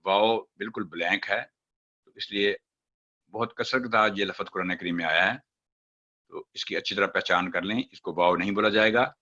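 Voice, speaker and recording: A man's voice: on the low side, fairly even intonation, normal speed, bright, forceful tone, muffled recording. A man teaching Quran recitation, chanting example words syllable by syllable and then explaining the rules. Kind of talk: step-by-step recitation lesson.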